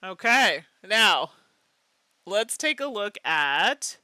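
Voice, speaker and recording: A woman streaming a mystery game live, chatting with her viewers and laughing often in an animated way. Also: medium pitch, drawn-out words, no room sound. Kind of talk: live game playthrough chat.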